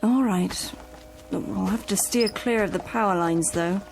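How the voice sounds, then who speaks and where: In a vintage TV drama with faint music in the background, an actress plays a fussy, exasperated woman who looks after an invalid. Her mid-range voice is a little slow, creaky and darkish, and she sounds wary and curious as she scolds and frets.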